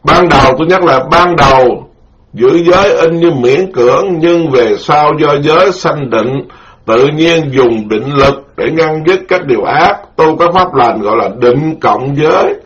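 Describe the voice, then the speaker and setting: A middle-aged man, a Buddhist monk giving a dharma lecture, speaking slowly and repeating key terms for his listeners. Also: a little high. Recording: dull lo-fi recording.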